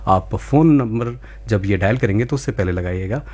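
A man's voice: on the low side, lively intonation, normal speed, a little mellow. Polite, encouraging male radio quiz host. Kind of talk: live phone-in quiz presenting in Hindi with some English.

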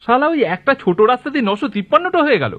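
A man's voice: very high-pitched, big pitch swings, fast talker, heavily acted. An actor playing a callous, complaining male junior municipal worker, exasperated in a comic audio drama. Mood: wry complaining. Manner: exasperated, agreeable to his colleague. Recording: dull lo-fi recording.

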